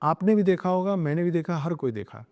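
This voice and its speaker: A man talking earnestly as a podcast guest, hammering his points home with repeated phrases and bits of English. His voice sits a little high but sounds dark and mellow. A long reverb trails after his words. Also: lively intonation, a little fast. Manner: emphatic, lecturing, repeats phrases and slips into English. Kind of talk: earnest podcast talk on spirituality and parenting.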